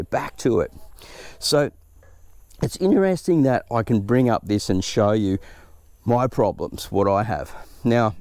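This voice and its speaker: Male garden vlogger, low mellow voice, relaxed upbeat chat, recorded outdoors. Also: no room sound. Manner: chatty, easygoing, upbeat. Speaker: gardening channel host. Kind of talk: casual vlog chat. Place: outdoors in his vegetable garden.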